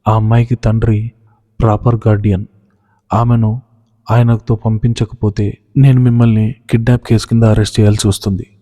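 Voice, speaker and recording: Casting: curt police inspector, read by a man, low dark level voice, hall reverb. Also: little pitch movement, a little fast, close to an everyday voice. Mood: stern. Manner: curt, official. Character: stern, harsh middle-aged police inspector.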